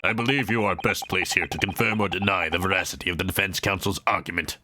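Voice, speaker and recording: A man voicing a stern older courtroom judge in a video game, speaking formally and with authority in a gravelly voice over game music. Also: low voice, fairly even intonation, quick pace, bright, forceful tone, a little hiss or hum, voice pushed down. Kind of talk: dramatic reading of video game dialogue.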